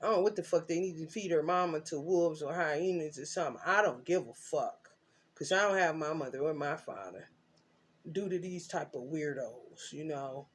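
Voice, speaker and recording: A woman tarot reader on a rambling, profane rant, cursing freely and swinging between loud emphasis and low muttering. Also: normal speed, a little hiss or hum.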